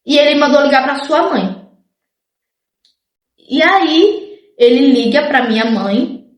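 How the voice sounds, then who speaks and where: A woman's voice: high voice, slow, echoey room. A young woman, casually telling viewers her life story and acting out what others said. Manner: chatty, often says "gente" and "tipo", acts out others' lines.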